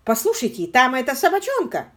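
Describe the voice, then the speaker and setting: A woman voicing a smooth, haughty aristocratic man with a suave, ingratiating manner. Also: high voice, huge pitch swings, a little fast, a bit bright, voice pushed up, heavily acted.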